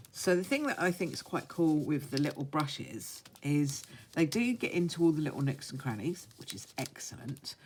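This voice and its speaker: A woman with a low, croaky, hoarse voice talks casually through a hands-on craft demonstration. She is unhurried, commenting as she works. There is some background noise on the recording. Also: darkish tone. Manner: unhurried, talks along while working with her hands. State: hoarse, still getting over a croaky voice. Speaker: craft vlogger demonstrating techniques. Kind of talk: casual craft tutorial chat.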